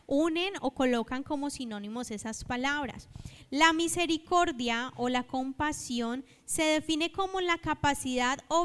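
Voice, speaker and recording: Her voice sits high with a fairly bright tone as this Colombian woman preaches, narrating a parable and voicing its characters' dialogue. She asks the congregation to repeat her words, and the church hall adds noticeable reverb.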